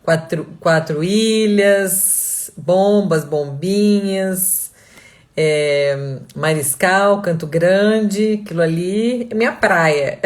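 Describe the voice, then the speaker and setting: A woman's voice: fairly low pitch, very slow. Chatty woman greeting live viewers. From Blumenau, Santa Catarina, Brazil. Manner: chatty, reads out viewers' names and towns, laughs easily. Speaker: online course instructor. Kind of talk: casual live-class greeting.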